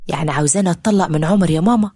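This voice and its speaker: A woman's voice: on the low side, very fast, mellow, slightly rough. A woman voicing a distraught young wife who pleads with an Egyptian Arabic accent.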